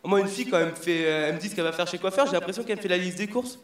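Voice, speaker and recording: Brash young comedian, high voice. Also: male voice, racing, roomy sound. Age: young adult. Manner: brash, slangy, crowd-addressing. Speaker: stand-up comedian. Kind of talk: stand-up comedy routine. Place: stage before a live audience.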